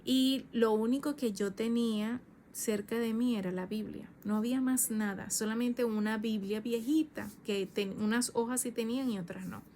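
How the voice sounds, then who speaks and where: A woman evangelist in her thirties giving a fervent personal testimony, repeating phrases and rising high in pitch when emotional. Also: moderate pace, warm tone, a little hiss or hum.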